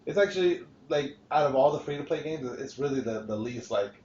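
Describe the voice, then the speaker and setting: A man's voice: medium pitch, expressive, fairly quick, darkish tone, slight background noise. Male podcast host, casual and profane, roomy lo-fi sound. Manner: rambling, swears freely, frequent restarts. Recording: roomy, dull lo-fi podcast recording.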